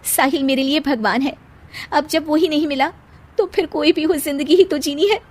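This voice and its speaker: Tearful young bride put on by a woman, cartoon, high plaintive voice. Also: normal speed, noisy background, natural voice. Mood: resigned. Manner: plaintive, soft.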